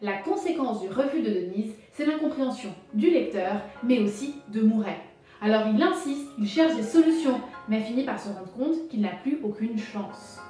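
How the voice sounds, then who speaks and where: A woman's voice: on the high side, expressive, normal speed, dark tone, far from the mic, soft background music. Woman teacher explaining in an echoey room. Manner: clear, explanatory. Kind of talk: literature lesson explanation. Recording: roomy echo.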